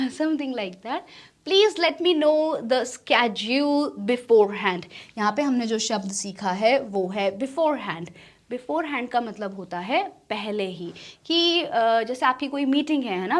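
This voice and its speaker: Brief: young woman English teacher, slightly high voice, unhurried, spells out example phrases. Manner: slow, clear example sentences between explanations. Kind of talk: spoken English lesson.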